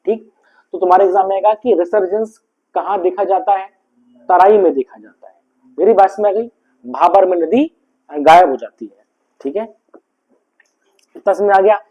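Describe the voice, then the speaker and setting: A man's voice: high voice, mellow, rough recording. A man giving a classroom lecture, mixing in English terms and keeps asking if the students have understood. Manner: mixes English terms into explanations. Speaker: teacher.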